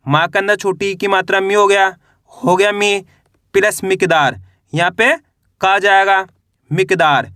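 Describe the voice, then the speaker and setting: A man with a high, bright voice walks through a reading lesson, stretching each syllable and asking and answering every word himself. The recording is dry and close, with no room sound. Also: dry recording. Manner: slow, drawn-out syllables, repeats each word as a question and answer. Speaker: Hindi reading teacher. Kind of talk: step-by-step spelling lesson.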